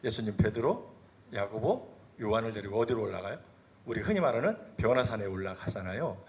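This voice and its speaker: A middle-aged male senior pastor preaching a sermon in a church. He swings between loud, rising exhortation and low, quiet asides, asks the congregation questions and acts out voices from the Bible. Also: lively intonation, brisk. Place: church sanctuary.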